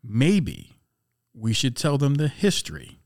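A man's voice: medium pitch, lively intonation, slow, creaky, a little mellow. A man hosting a paranormal podcast in a jokey, mock-boastful chatting style. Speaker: podcast host. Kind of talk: joking paranormal podcast chat.

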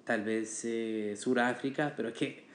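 A man's voice: medium pitch, fairly even intonation, a little slow, roomy sound, a little hiss or hum. A man talking as a guest on a casual podcast, chatty and hesitant, with many fillers and restarts.

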